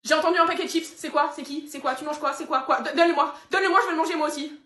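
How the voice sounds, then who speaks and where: A needy, barking-mad pet dog in a comedy sketch, as a woman puts it on, shrill and urgent. The voice is high and bright. The room gives an echo. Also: brisk. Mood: greedy. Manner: frantic, shouting and pleading.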